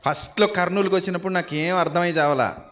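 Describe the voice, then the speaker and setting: A man's voice: high voice, quick pace, a bit bright. A male pastor from the Godavari region of Andhra Pradesh, preaching a sermon and pressing the congregation with repeated rhetorical questions.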